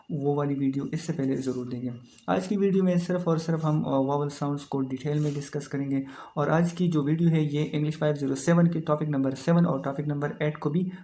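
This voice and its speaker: A man delivers an online phonetics lesson in a voice pitched a little above the usual. He explains step by step and often restates a point. technical words run through his Hindi. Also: dark tone. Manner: explains slowly, repeats phrases, mixes English terms into Hindi. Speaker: phonetics lecturer. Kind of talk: recorded online lecture.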